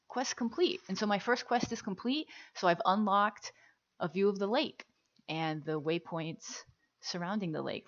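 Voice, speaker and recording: A woman narrating her own virtual reality gameplay in a relaxed, chatty way, with plenty of fillers. Her voice sits low, with a gravelly edge. The recording sounds dull and lo-fi. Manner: chatty, upbeat, with frequent fillers. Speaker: gameplay video host. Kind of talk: casual gameplay commentary.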